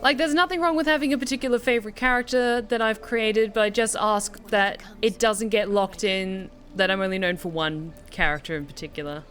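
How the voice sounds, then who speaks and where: A chatty, expressive woman giving casual live commentary as she plays a game. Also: mid-range voice, fairly quick, few pauses. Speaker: game streamer and author. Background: game music.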